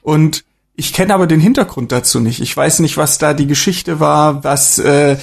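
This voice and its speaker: A man's voice: on the high side, moderate pace, creaky, breathy edge. A man co-hosting a casual podcast, telling things in a rambling way while searching for his words. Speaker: podcast co-host.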